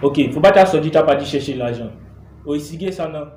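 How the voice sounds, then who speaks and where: A man's voice: on the high side, brisk, darkish tone, echoey room, a little hiss or hum, natural voice. An actor in a comedy sketch playing a demanding father who scolds his grown daughter, exasperated and swearing. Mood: scolding.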